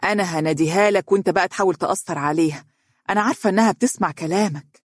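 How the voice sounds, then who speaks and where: A storyteller voicing a fussy, pleading middle-aged mother who speaks fast with an Egyptian accent. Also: medium pitch, no room sound, studio quality, lightly acted. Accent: Egyptian Arabic. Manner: urgent, nagging, rapid.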